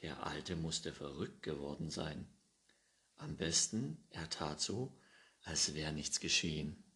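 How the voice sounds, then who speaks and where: A man reading a children's story aloud, with a lively, animated manner. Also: a bass voice, takes it slowly. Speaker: narrator.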